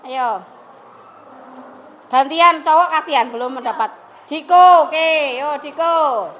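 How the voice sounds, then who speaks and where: Woman teacher, high and bright, slow and coaxing with her class. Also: a faint crowd, slight background noise. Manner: coaxing, prompting students to answer. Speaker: English teacher.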